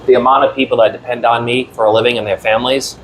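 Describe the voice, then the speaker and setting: A man's voice: mid-range voice, steady tone, fast talker, fairly bright tone, slight background noise, low-quality recording. A man, a city councilor, guesting on a podcast and speaking bluntly, repeating points for emphasis. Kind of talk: casual podcast conversation.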